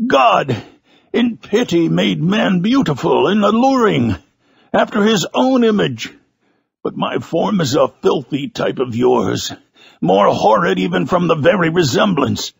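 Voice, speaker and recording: A man voicing a wretched, eloquent, brooding monster in a gothic audiobook monologue, with a raspy, gravelly voice and a grave, formal, anguished theatrical delivery. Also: high-pitched, sing-song, a little slow, no room sound, studio quality, heavily acted. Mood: anguished, accusing.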